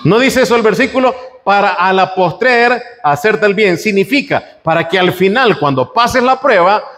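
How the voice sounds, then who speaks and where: Male preacher, a bit high-pitched, very lively delivery, church hall with long reverb; asks the congregation questions. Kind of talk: sermon.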